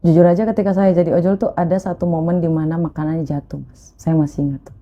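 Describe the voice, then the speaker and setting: A woman's voice: deep voice, quick pace, dull audio. A woman guest in a casual interview, telling her own story with emotion and acting out the voices of the people in it. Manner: emotional, animated retelling with quoted voices.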